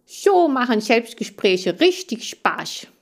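A woman's voice: on the high side, very animated, slow pace, pitched above the performer's own voice, heavily acted. A woman voicing a naive, curious little male hamster, full of wide-eyed questions. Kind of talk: audiobook character voice.

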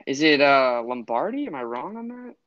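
A man's voice: mid-range voice, sing-song, moderate pace, dull audio. A man co-hosting a sports podcast, rambling with fillers and restarts. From Florida. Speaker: podcast co-host. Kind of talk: casual sports chat.

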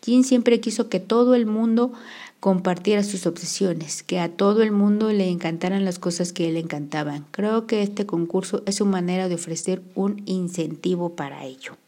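A woman reading an audiobook, voicing a calm older man who answers slowly and reflectively. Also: mid-range voice, close to an everyday voice.

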